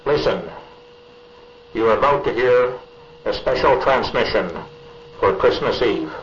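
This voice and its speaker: A man announcing a radio transmission, spelling out a call sign slowly, heard over AM radio with a hum. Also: mid-range voice, expressive. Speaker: radio operator announcing a broadcast. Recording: distant, muffled radio signal with hum.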